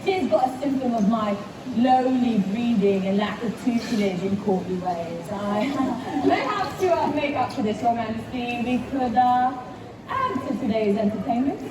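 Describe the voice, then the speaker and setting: A woman's voice: on the high side, animated, normal speed, noisy background, close to an everyday voice. A woman playing a cheeky, roguish queen of thieves who feigns humility on a Renaissance fair stage. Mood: mock apologetic. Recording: echoey, distant, loud crowd and music.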